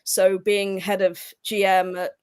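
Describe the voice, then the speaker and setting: A woman guest on a webinar panel, introducing herself in a friendly, relaxed way. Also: medium pitch, measured pace, clear, resonant tone. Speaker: head of global mobility, guest.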